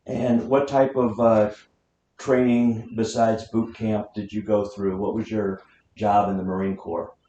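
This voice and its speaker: A man's voice: lowish voice, flat delivery, measured pace, warm tone. An American man interviewing someone, asking simple questions in turn. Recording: muffled, echoey room, faint noise.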